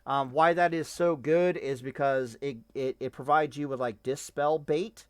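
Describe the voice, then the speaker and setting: A man's voice: mid-range voice, steady tone, a little slow, clear, resonant tone, no echo, studio quality. A man giving casual, rambling commentary on a game, cursing and interrupting himself as he tests things. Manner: rambling, profane, self-interrupting. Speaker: gaming streamer.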